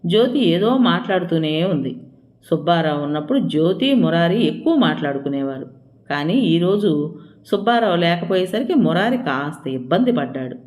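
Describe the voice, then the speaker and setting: Audiobook narrator, steady storytelling, household drama, even delivery. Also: mid-range voice, moderate pace.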